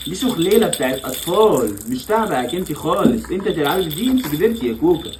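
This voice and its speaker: A young Egyptian father films a family vlog, laughing often as he playfully coaxes his small children in Egyptian Arabic. His voice sits on the high side with big swings in pitch, and he talks quickly over a noisy background.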